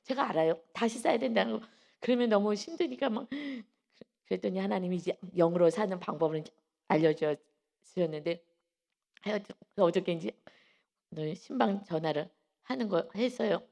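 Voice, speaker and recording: A woman pastor delivers an early-morning sermon in a church, her voice carrying a gravelly rasp. She preaches with emphasis and often acts out the voices she quotes. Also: mid-range voice, normal speed, mellow. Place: church sanctuary.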